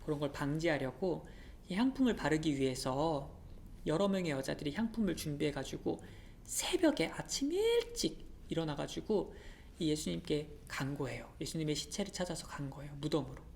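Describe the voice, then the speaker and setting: Low-voiced woman telling a children's Bible story. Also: moderate pace, creaky, slight background noise. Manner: animated, expressive, asks children questions. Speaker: children's ministry teacher.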